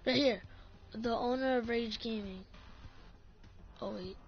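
Speaking slowly in a fairly high voice, a woman vents about her gaming clan in a casual vlog. Her rant is profane and full of "like," recorded on dull lo-fi audio with music faintly in the background.

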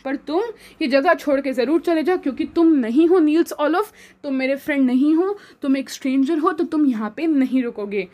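A woman voicing a rich, stern male iron master, reading lines slowly and retelling them in Hindi. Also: sits high, a little mellow, natural voice.

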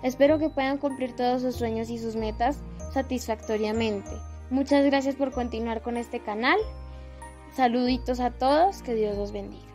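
Woman with a higher voice. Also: normal speed, loud music behind the voice. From Colombia. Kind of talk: recorded holiday greeting.

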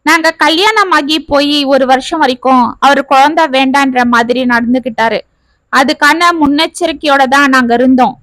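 A woman's voice: sits high, moderate pace, fairly bright tone, no echo, poor audio. A woman reading the part of a young married woman, hurt and bitter, pouring out her grievances in a family story. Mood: aggrieved.

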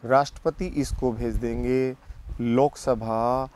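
A man's voice: mid-range voice, fairly even intonation, darkish tone, a little hiss or hum. A man teaching political science in a classroom lecture, asking questions and answering them himself and repeating the key points. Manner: slow, deliberate delivery.

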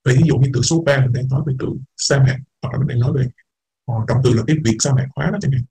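A man's voice: medium pitch, fairly even intonation, rapid-fire, vocal fry, mellow, breathy edge, rough recording. A man teaching an English class, explaining patiently, repeating words and mixing English terms into his talk. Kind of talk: online class lecture.

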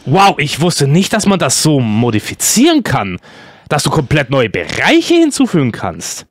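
A man commenting excitedly on a horror game as a let's-play host, exclaiming and yelping often. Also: fairly high pitch, normal speed, no room sound, clean studio sound. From Germany. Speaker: gaming YouTuber.

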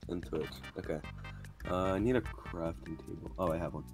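A man's voice: deep voice, music in the background. A man chatting casually while playing a game with a friend, heard through livestream headset audio. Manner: chatty, practical, quick back-and-forth. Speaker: gaming guest co-player. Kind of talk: casual gameplay chat.

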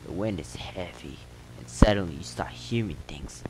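A man's voice: sits low, moderate pace, whispered, voice pushed down, natural voice, poor audio. A man voicing a gossipy male motel worker in a put-on accent, telling rambling, joking stories. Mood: spinning tales. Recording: loud game noise behind.

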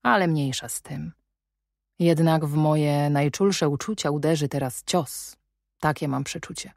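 A woman reading the lines of an ironic, commanding middle-aged English gentleman in an audiobook, in a measured, wry and probing manner. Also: deep voice, gravelly, no echo, clean studio sound, exaggerated voice.

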